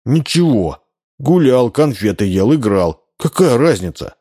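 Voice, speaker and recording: A man voicing a spoiled, demanding little boy who shouts and whines in a storybook reading. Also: mid-range voice, big pitch swings, unhurried, husky, pitched above the performer's own voice, full character voice. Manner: shouting, whiny, insistent.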